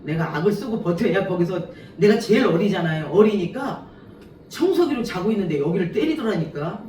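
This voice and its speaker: A woman preaching at a church revival, telling personal stories with lively acted-out voices and frequent laughter. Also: mid-range voice, fairly quick, slight background noise. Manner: animated, acts out quoted voices, laughs often. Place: church sanctuary. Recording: echoey church hall, mic at a distance.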